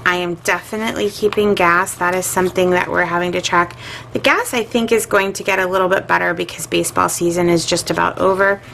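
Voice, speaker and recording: A woman's voice: on the low side, steady tone, brisk, creaky, sharp tone, slight background noise, poor audio. A middle-aged woman and regular vlogger chatting casually while she sorts her budget, musing aloud with plenty of filler words.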